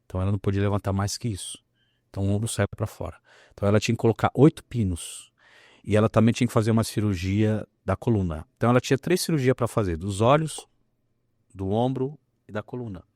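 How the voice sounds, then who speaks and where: A man, a pastor telling a healing story in an animated, emphatic way. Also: fairly low pitch, fast, dry recording, studio quality. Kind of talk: testimony in a conversation.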